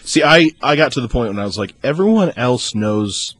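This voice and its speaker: Man, casual chat, animated storyteller who voices the quotes; lively pitch. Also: moderate pace, dry recording.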